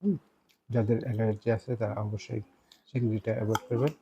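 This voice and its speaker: Husky Bangladeshi man chatting through a mukbang. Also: lowish voice, fast, warm tone, lo-fi sound. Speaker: food vlogger eating on camera. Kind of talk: casual mukbang eating show, chatting to viewers while eating.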